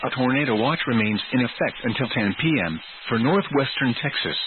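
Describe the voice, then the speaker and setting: A male announcer reads an emergency weather bulletin over a thin, narrow radio channel where the noise comes through clearly. His mid-pitched voice is formal, measured and synthetic-sounding, yet animated. It sounds like a tinny, noisy weather radio broadcast.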